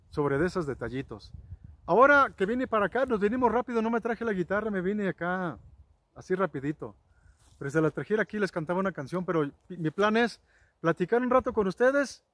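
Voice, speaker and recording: A man's voice: high-pitched, no room sound. A man telling rambling, folksy ranch stories to his viewers, with many restarts and asides. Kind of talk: casual storytelling to camera.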